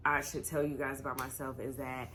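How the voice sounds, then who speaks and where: Low-pitched, bright-voiced tipsy, giggly woman. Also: little pitch movement, fairly quick, slight background noise. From North Carolina, United States. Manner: tipsy, giggly, loose and rambling. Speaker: YouTuber host. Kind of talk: casual chatty Q&A vlog.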